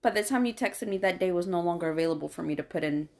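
A woman co-hosting a casual podcast chat with her partner, talking in an animated way and laughing between remarks. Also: fairly low pitch, quick pace, vocal fry. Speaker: podcast co-host.

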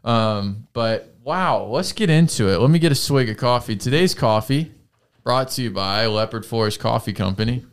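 A man's voice: medium pitch, normal speed, clean tone. A man in his twenties hosting a podcast, rambling and joking in casual chat and laughing often. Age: 20s. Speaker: podcast host.

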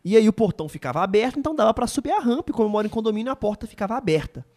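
A man with a Brazilian Portuguese accent talks quickly in a casual chat. His voice sits a little high. He uses a lot of slang and acts out the people he quotes. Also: sing-song, darkish tone.

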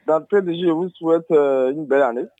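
A man's voice: fairly high pitch, a little fast, warm tone, no echo. A man calling in to a radio show by phone, formal and courteous as he offers his wishes. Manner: formal, courteous well-wishing. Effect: phone call line. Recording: dull phone line.

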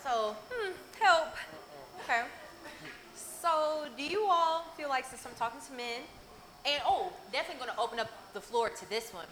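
Woman, American accent, high voice, bright tone, playful teasing host, casual questions, faint room noise. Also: lively intonation, moderate pace. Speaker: talk show host. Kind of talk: casual hosting with questions to guests. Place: live show with an audience.

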